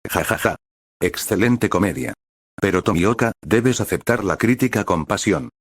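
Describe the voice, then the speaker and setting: A man's voice: lowish voice, lively intonation, moderate pace, slightly rough, dry recording, clean studio sound. A man voicing a fiery, cheerful male swordsman who speaks with enthusiasm. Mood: hearty. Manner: enthusiastic and upbeat.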